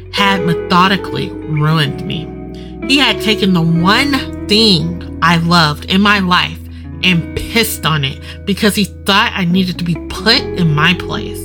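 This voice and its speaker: A woman host narrating an erotic audio story in intimate first person, with guitar music behind. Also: on the low side.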